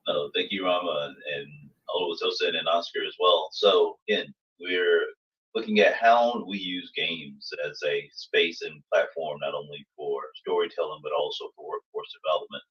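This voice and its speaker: A man with a very low voice moderates a livestream panel in an effusively polite manner. He sounds muffled and set back from the microphone. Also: fairly even intonation, moderate pace, a bit bright, distant mic. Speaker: host, moderator. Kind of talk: event hosting on a livestream.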